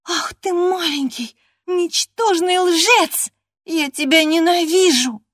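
A woman's voice: a little high, moderate pace, dry recording, studio quality, voice pushed up, close to an everyday voice. A woman reading an audiobook voices a spirited, stubborn teenage girl with a vehement, indignant manner. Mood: furious.

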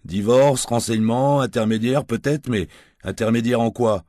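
A man's voice: medium pitch, moderate pace, dark tone, pitched above the performer's own voice, close to an everyday voice. A man reading the part of a tipsy, crude, washed-up gigolo who rambles in coarse slang and whines. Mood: self-pitying. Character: washed-up male gigolo, crude, drunk, self-pitying.

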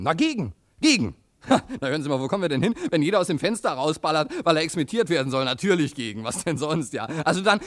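In a German radio play, an actor portrays a bossy, excitable local newspaper editor who blusters impatiently and stops and starts while thinking out loud. His voice is fairly high, and the mood is eager and excited.

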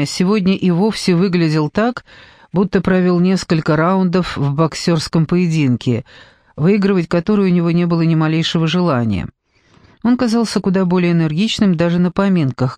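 A man narrating an audiobook in an even, measured storytelling manner. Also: sits high, no echo. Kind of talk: scripted narration.

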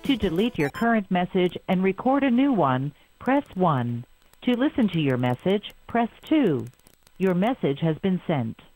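A woman's recorded voice giving answering machine message prompts over a phone line, in even, measured instructions. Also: lowish voice, soft background music. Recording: tinny dry phone line.

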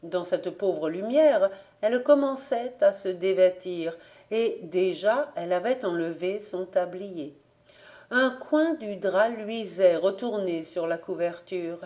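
A woman reading a classic novel aloud as a volunteer audiobook narrator, in a measured, gentle manner. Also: fairly low pitch, lively intonation. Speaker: audiobook reader.

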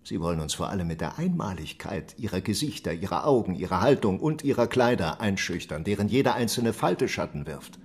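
With a low-pitched voice, an actor plays a thoughtful Ottoman envoy describing his journeys in a radio drama monologue. The delivery is expressive and literary, deliberate in pace, full of wonder tinged with unease, and his mood is intense and fascinated.

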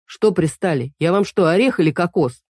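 Cheeky youth, offhand and teasing; low, mellow tone in a dry close sound, woman reader. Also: lively intonation, moderate pace, breathy edge, no echo. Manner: mocking, offhand. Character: teasing young man, cheeky and joking.

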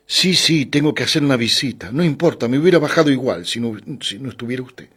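A man reading a timid, nervous young woman on a bus, speaking softly and hesitantly. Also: medium pitch, lively intonation, fast talker, husky. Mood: timid, uneasy. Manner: soft, hesitant, apologetic.

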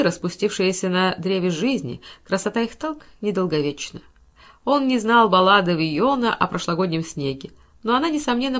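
A woman narrating a classic novel in an audiobook with measured, expressive reading. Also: mid-range voice.

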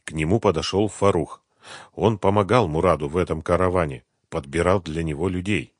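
A man narrating an audiobook in a steady, even reading. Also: deep voice, a little fast, no echo, clean studio sound. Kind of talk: scripted narration.

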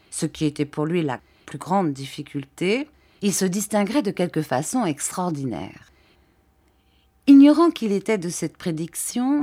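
Audiobook reader: woman, slow and measured literary narration, voice on the low side. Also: warm tone. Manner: measured, careful storytelling.

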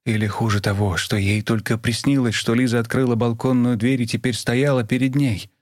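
A man reading a novel aloud as the narrator, at a measured, even pace and close to the microphone. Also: mid-range voice, no room sound. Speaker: audiobook narrator. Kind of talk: scripted narration.

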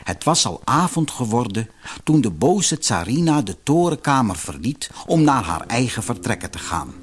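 A man reading a fairy-tale audiobook in an expressive, theatrical storytelling manner. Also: medium pitch, moderate pace, breathy edge. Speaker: narrator.

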